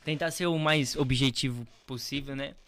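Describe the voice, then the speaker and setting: A man's voice: mid-range voice, steady tone, moderate pace, fairly bright tone. A young Brazilian man, a pastor, telling his faith story in an earnest, repetitive way full of tag questions. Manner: earnest, repeats phrases, frequent tag questions. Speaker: pastor, podcast guest. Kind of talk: casual testimony chat.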